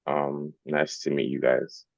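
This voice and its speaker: A man from Nigeria with a very deep, flat voice gives a brief, friendly introduction. The sound is dull and dry, like lo-fi video call audio. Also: measured pace, creaky, dry recording. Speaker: PhD student panelist. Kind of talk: panel self-introduction.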